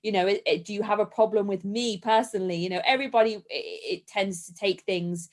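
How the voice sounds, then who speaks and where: A woman hosts a conversational podcast interview. She listens with encouragement, responds with short affirmations, and then reflects on her guest's story at length in an even, middle-pitched voice. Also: fairly quick. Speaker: podcast host.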